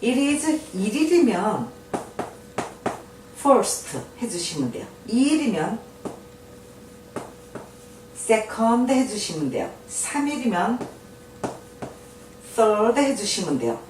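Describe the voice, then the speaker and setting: An older woman giving a patient English lesson, saying each phrase slowly and then explaining it. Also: fairly high pitch, very animated. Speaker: teacher. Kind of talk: slow spoken English lesson. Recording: echoey room from far off with faint noise.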